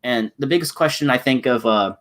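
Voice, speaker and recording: A man's voice: mid-range voice, fairly quick. A man in a casual political discussion, rambling with many restarts and fillers. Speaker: channel host in a discussion.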